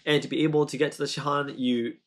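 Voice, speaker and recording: A man's voice: fairly high pitch, level tone, fast talker. A man in his thirties, hosting a podcast in casual conversation, rambling with lots of fillers and tag questions. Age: 30s. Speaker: podcast host and dojo head.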